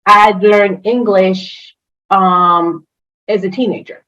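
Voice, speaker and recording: Her medium-pitched voice stays fairly even in intonation, slow and a bit bright, over lo-fi sound. She's an HR consultant appearing as a guest in a casual interview chat, enthusiastic and full of fillers and restarts. French is her first language, and she grew up in a Haitian family speaking French and Creole.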